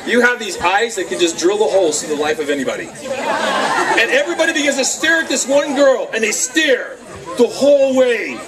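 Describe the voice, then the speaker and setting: A man giving a lively youth sermon, acting out quotes and laughing often, recorded on a camcorder from across the room. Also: sits high, moderate pace. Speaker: youth speaker. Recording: distant camcorder sound, faint crowd.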